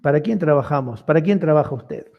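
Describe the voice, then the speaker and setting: A man's voice: on the high side, animated, fairly quick, creaky, highs cut off. A man, a pastor preaching a sermon with repeated rhetorical questions and building intensity.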